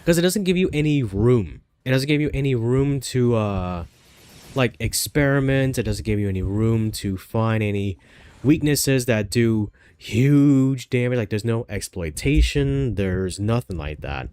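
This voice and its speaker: This is casual gameplay commentary from a male streamer whose nose is blocked up by a cold. He speaks at a medium pitch and an unhurried pace, sounding animated, slightly mellow and clean in tone, and he muses out loud with plenty of fillers and false starts.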